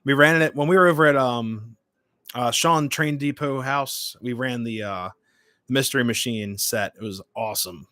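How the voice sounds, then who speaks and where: A man's voice: medium pitch, normal speed, pushed and bright, no echo. Casual young male livestreamer, dry close sound. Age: late 20s. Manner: chatty, informal, hops between short remarks. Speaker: livestream host. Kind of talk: casual livestream chat, reading and answering comments.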